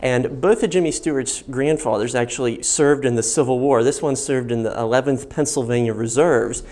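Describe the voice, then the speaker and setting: A man hosting an informal on-location guided tour, explaining history in measured, emphatic phrases. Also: medium pitch, darkish tone. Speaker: host of a history and film channel, guiding a museum tour. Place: inside a museum gallery.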